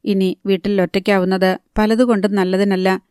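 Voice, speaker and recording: A woman narrator voicing a worried, caring middle-aged mother who asks quick questions, in a smooth, level reading voice. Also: mid-range voice, flat delivery, a little mellow, no echo, clean studio sound, natural voice.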